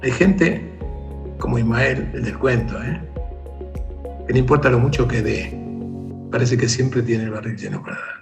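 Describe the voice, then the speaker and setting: A man's voice: mid-range voice, measured pace, vocal fry, long pauses, over music. A man as an interview guest, telling a story in conversation and acting out the calls of its characters. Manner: animated, acts out shouted calls in the story.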